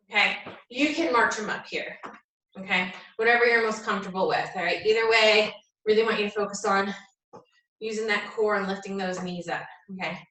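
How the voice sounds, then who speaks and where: A woman's voice: mid-range voice, sharp tone. A woman coaching a live workout class like a gym coach, cueing exercises and encouraging as she goes. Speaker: fitness instructor leading a circuit workout. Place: echoey indoor room, away from the mic. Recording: echoey room, distant mic, faint noise.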